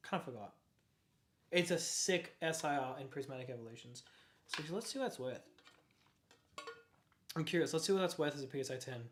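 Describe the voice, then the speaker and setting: A young Australian streamer talking off the cuff in a mid-pitched voice. The delivery is excitable and rambling, full of quick apologies and laughter. It sounds like a relaxed live chat, not a script. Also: a little hiss or hum. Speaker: card-collecting livestreamer. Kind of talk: casual livestream chat.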